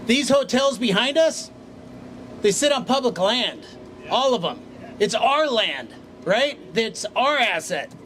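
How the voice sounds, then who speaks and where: A man's voice: very high voice, big pitch swings, slow, fairly bright tone, a little hiss or hum. A man speaking earnestly at an outdoor union rally as vice president, beside hotels. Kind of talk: rally speech. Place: outdoors by hotels and convention center.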